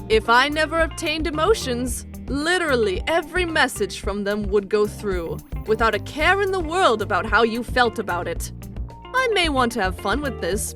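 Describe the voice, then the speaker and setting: A woman playing a sly, detached programmed messenger with a measured, matter-of-fact manner in a comic dub. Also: a little high. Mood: unbothered. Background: music.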